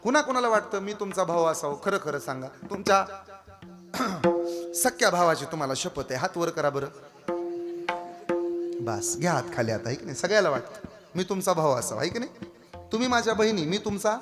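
A man's voice: high-pitched, expressive, moderate pace, long pauses, over music. A male kirtan preacher with a Marathi accent, joking with the crowd, coaxing them to answer back, and breaking into devotional song. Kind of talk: devotional kirtan sermon with singing.

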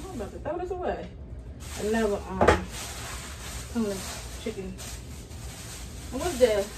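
A woman's voice: mid-range voice, very animated, a little slow. A young woman chatting casually to viewers about her groceries while unpacking bags in her kitchen, hot and sweaty. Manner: chatty, addresses viewers as y'all. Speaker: vlogger and mother. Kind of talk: casual grocery haul vlog. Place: home kitchen, indoors. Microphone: camera on the counter, at a distance. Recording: distant camera mic, noisy room.

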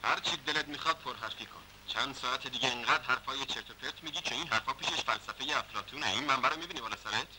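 A gloating gang leader, voiced by a man, spells out threats in a calm mid-pitched voice. It is dubbed 1960s film acting on a hissy old soundtrack. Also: hardly any pauses, natural voice. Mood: menacing.

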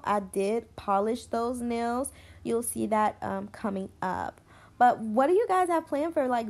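Speaking a little high with a darkish tone, a young woman talks through a nail tutorial in casual voice-over style. She rambles and chats, full of fillers and side comments. Her voice is close-miked and sounds blocked up, like she's got a cold.

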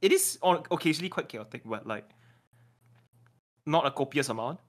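Male streamer, a bit higher voice, encouraging casual co-host with loose grammar. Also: lively intonation, fairly quick. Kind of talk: casual podcast chat.

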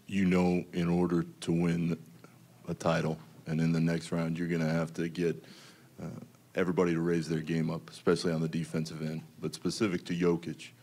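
A man's voice: sits low, monotone, fairly quick, a little mellow. A man working as a reporter, asking a question at a press conference.

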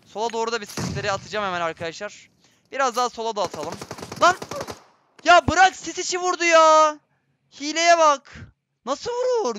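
A man giving excitable, running commentary on his own gameplay, often exclaiming when things go wrong. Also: high voice, background noise. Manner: excitable, swears and exclaims at deaths. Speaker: gaming streamer. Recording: game sounds and gunfire behind voice.

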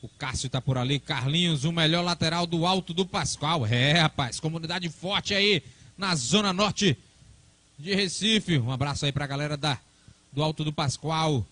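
Man, live football commentary, colloquial, highish pitch, sharp bright voice. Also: moderate pace, no room sound. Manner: chatty, colloquial.

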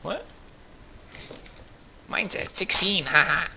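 A man's voice: high-pitched, lively intonation, slow pace. A man playing a game with friends, joking and teasing them in casual banter. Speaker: player. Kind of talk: casual gaming chat. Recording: clear background hiss.

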